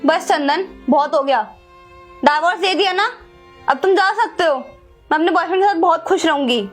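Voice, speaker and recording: Playing Rubika, a selfish wife who walked out on her husband, a young woman pleads dismissively with her boyfriend in a dramatic short film, mixing in English phrases. Her pitch is extremely high and her pace moderate. Faint music plays behind her.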